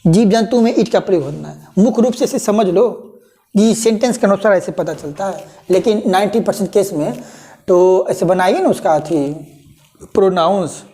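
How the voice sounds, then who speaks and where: A woman runs a classroom grammar lesson in a mellow, relaxed voice at a middle pitch. She repeats each term slowly and keeps checking that her students follow. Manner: repeats terms slowly, checks understanding often. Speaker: English grammar teacher. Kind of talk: classroom lesson explaining pronouns.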